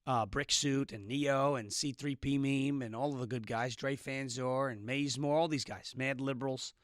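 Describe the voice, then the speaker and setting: A man's voice: mid-range voice, steady tone, moderate pace, no room sound, clean studio sound. A man in his early thirties guest-hosting a political commentary show with a sarcastic, snarky delivery. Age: 30s. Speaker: guest host.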